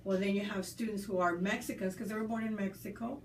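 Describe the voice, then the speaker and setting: Talking fast with fairly even intonation, a US-born woman on a school's staff gives a conversational interview in a medium-pitched voice. She comes across earnest and thoughtful, though she uses fillers and restarts. It's recorded with a distant mic in a roomy space, with faint background noise.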